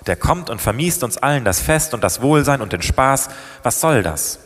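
A proud court lady scolding and sneering at her brother, as a male reader puts her on. The voice lifts a little higher and louder, with a long hall reverb behind it. She lectures with open contempt. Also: lively intonation, moderate pace, slightly rough. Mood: scornful. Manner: scornful, lecturing. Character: haughty noble young lady at court, scornful.

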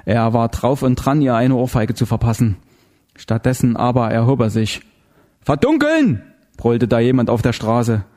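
A man narrating an audiobook in a measured, dramatic way. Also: medium pitch, flat delivery, dark tone. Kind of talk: scripted narration.

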